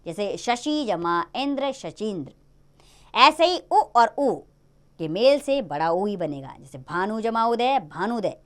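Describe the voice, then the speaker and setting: A woman's voice: medium pitch, takes it slowly. A woman teaching a grammar lesson to children, explaining rules step by step and stressing each example. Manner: lively, sing-song explaining with stressed examples.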